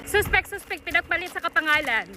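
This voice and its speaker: High-voiced teasing young woman. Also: animated, fast talker, noisy background. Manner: playful, teasing, laughs often. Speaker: vlogger. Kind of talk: casual teasing chat.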